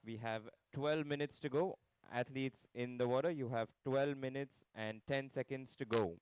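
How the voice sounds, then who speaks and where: A man's voice: mid-range voice, fairly even intonation, moderate pace, darkish tone, slight background noise. A man giving live play-by-play and time calls as a commentator at a surfing contest.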